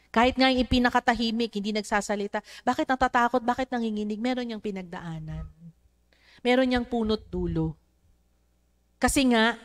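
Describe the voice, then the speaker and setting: A woman's voice: medium pitch, clean tone. A woman preaching a sermon to a congregation, mixing English into her talk and acting out the voices of children in her stories. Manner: mixes English into Tagalog, addresses the congregation.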